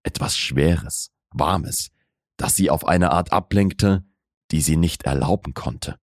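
A man reading a romance novel aloud in a measured, intimate storytelling manner. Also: rumbling low, no echo, studio quality. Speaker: audiobook narrator. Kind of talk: scripted narration of a romance novel.

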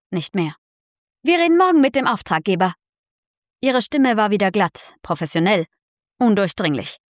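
A woman's voice: mid-range voice, no echo. Woman reading a story in a dry, close sound. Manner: slow, measured, dramatic reading. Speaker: audiobook narrator. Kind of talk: scripted narration.

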